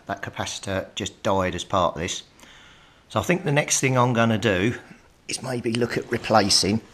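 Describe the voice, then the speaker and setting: Here a low-pitched, slightly bright male voice belongs to a British hobbyist who talks while repairing electronics. He keeps it practical, walking through the job step by step.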